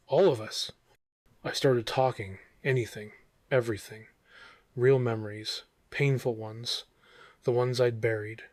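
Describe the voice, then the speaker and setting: Male vintage horror narrator, scripted storytelling, unhurried pace, suspenseful short phrases, dry sound. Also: medium pitch, dry recording.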